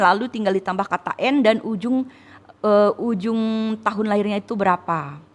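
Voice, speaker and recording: Indonesian-accented woman, English teacher, patient and repetitive, lightly teasing. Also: medium pitch. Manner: patient, repeats words, teasing. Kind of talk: classroom lesson, correcting students.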